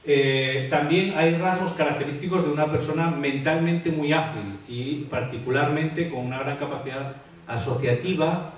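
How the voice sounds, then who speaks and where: Male expert, hesitant explainer, mid pitch, distant mic, roomy echo. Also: moderate pace. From Asturias, Spain. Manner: hesitant, many fillers and tag questions. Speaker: graphologist. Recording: echoey room, off-mic, faint hiss.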